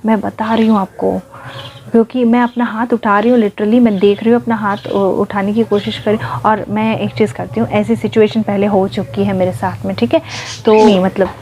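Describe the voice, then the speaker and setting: A woman vlogger casually recounting her own ghost experience, speaking very softly and mixing in English words. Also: medium pitch, little pitch movement, a little fast, slight background noise. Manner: speaks very softly, near a hush; mixes in English words, frequent fillers like okay. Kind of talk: casual first-person storytelling.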